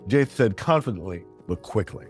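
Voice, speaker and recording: A man narrating a fantasy story in a steady, descriptive way. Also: lowish voice, moderate pace, faint music behind.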